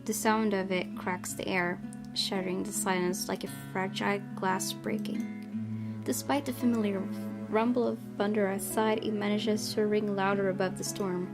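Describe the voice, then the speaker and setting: A woman game streamer reads a horror visual novel aloud and cracks jokes between passages. Her voice is medium-pitched and steady at a moderate pace, with game music in the background.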